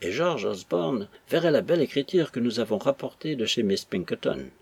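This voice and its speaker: A man reading aloud and voicing an older, jovial father who mocks his son in a loud, teasing way. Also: mid-range voice, sing-song, moderate pace, creaky, breathy edge, no echo, exaggerated voice. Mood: mocking.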